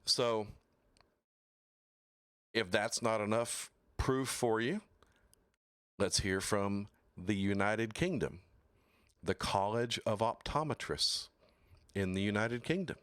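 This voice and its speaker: A man's voice: fairly bright tone, smooth, no room sound, studio quality. A man hosting a casual livestream talk show, bluntly mocking product claims and reading quotes aloud. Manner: mocking and blunt, swears, slow deliberate delivery with sudden high exclaims.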